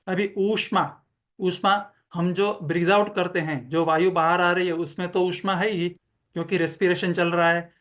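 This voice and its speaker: A woman teaching Sanskrit pronunciation in an explanatory lecture, speaking slowly and deliberately and demonstrating sounds by repeating them. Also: lowish voice, fairly even intonation.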